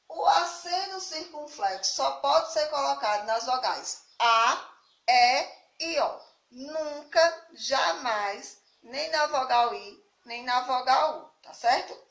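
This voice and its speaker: High-voiced woman teacher in an echoey room. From Brazil. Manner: patient, repeats points and checks understanding with "tá certo?"; sounds out words slowly, stretching syllables. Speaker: primary school teacher. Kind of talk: recorded online lesson for children.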